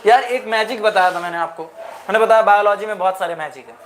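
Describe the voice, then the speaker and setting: A man's voice: sits high, fast talker, fairly bright tone, a little hiss or hum. A man teaching a lecture, mixing in English phrases and asking the class questions again and again. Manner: asks the class repeated questions.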